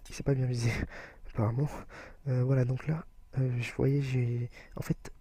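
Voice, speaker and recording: A young man talks through his gameplay in a casual way, explaining each step with lots of hesitation fillers. His voice is gravelly and husky, very dark in tone, and stays fairly flat. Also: mid-range voice, normal speed. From France. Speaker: gaming video creator.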